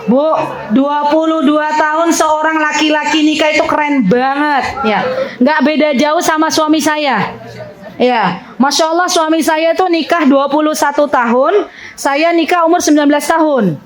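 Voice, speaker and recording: Lively high-voiced female religious teacher. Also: normal speed, poor audio. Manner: lively, teasing, laughs often, questions audience. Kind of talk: interactive religious talk with audience.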